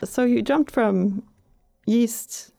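A woman's voice: a little high, drawn-out words, vocal fry, warm tone. A woman hosting a podcast, asking interview questions in a friendly way. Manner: friendly, laughs often.

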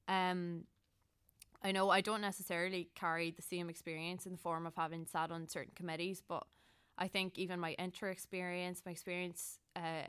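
Answering interview questions as a student election candidate, a young Donegal woman from Ireland speaks earnestly and conversationally, frequently correcting herself. Her voice is lowish, a bit bright, clear and resonant. The studio-quality recording has no room sound.

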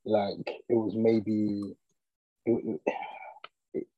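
A man's voice: fairly low pitch, flat delivery, drawn-out words, phone-quality sound. A man with a London roadman accent bantering casually as a podcast co-host, agreeing emphatically and repeating words for emphasis. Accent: London, urban street slang. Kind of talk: casual banter about TV and film.

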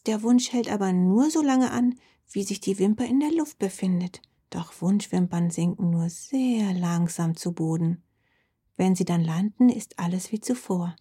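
A woman voicing a small, timid female blue fox in a children's audio story, speaking softly and anxiously. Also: medium pitch, normal speed, slightly rough, lightly acted. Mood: confiding. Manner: soft, hushed and anxious.

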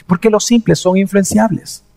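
A man's voice: high-pitched, steady tone, moderate pace, vocal fry, mellow. A man preaching a sermon, speaking earnestly and conversationally and addressing listeners directly. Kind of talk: sermon with storytelling. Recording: long reverb of a hall.

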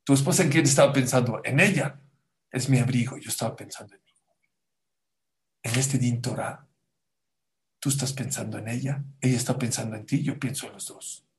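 A man giving a sermon, telling a parable and acting out its people in an animated way. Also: medium pitch, normal speed, long pauses. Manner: animated storytelling, acts out the couple and the rabbi in quotes. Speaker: rabbi. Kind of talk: sermon with a told story.

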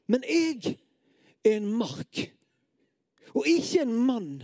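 Dark-voiced preacher reading scripture dramatically. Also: medium pitch, big pitch swings, no room sound, clean studio sound. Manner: reads scripture dramatically, at times loud and pleading; talks directly to the listeners, halting with fillers. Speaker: preacher at a worship gathering.

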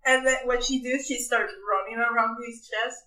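A woman narrating moves in a tabletop game, casual and a little halting. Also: on the high side, fairly even intonation, pushed and bright, echoey room, recorded from a distance, rough recording. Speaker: player.

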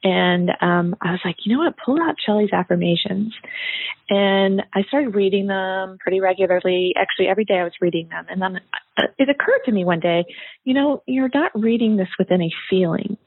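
Woman chef telling a story, chatty, a bit husky, dry phone-line audio. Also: medium pitch, fairly even intonation, fairly quick, no echo. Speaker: private chef. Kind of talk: casual chat, telling a story.

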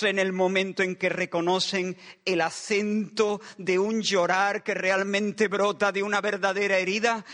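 In a large hall with long reverb, a man with a high, sharp voice preaches a church sermon. He is impassioned, building pleading refrains that keep circling back.

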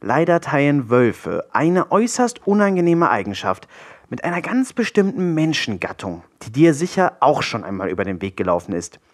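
A man's voice: medium pitch, very animated, normal speed. A man narrating a children's storybook aloud, playful and with wry asides.

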